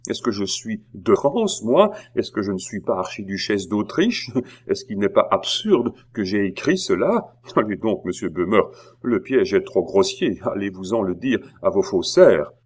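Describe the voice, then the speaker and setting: A haughty, scornful queen, as a male narrator puts her on speaks imperiously, her pitch pushed well up and her voice loud. She mocks and sneers at the man before her. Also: big pitch swings, measured pace. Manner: imperious, mocking, laughing scornfully.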